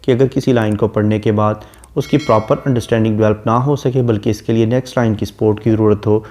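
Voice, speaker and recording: A man giving a literature lecture, explaining a poem line by line and reciting the English verses slowly before explaining them. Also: lowish voice, steady tone, darkish tone.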